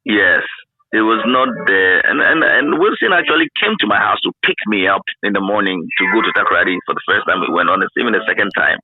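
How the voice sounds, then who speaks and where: Interviewed casually, a middle-aged former radio broadcaster with a Ghanaian accent reminisces, frequently repeating words for emphasis. He talks fast and animatedly in a voice on the low side. Crowd noise comes through a narrow, phone-like line.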